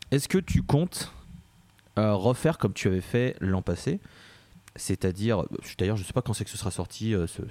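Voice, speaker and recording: A man's voice: on the low side, a little mellow, no room sound. A man from France interviewing on a podcast, joking loosely and swearing casually.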